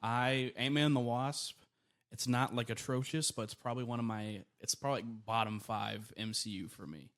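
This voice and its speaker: A man chatting casually about films, easygoing and quick to laugh between remarks. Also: medium pitch, fairly even intonation, fairly bright tone. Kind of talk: casual film chat.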